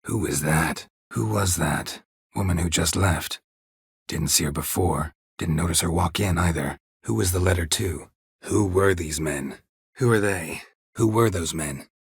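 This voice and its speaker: The actor's low, gravelly, husky male voice brings a stoic, world-weary video game monster hunter to life, a little slow and heavily acted. The mood is inquisitive and terse, dry and deadpan. There's no room sound.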